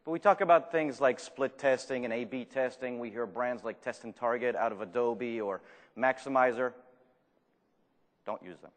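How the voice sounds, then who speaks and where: In a large conference room with an echoing, hall-like sound, an Argentine conference speaker gives a live talk at medium pitch and normal speed. Spanish is his first language, though he speaks with a French accent. Self-deprecating and full of jokes, he regularly asks the audience questions.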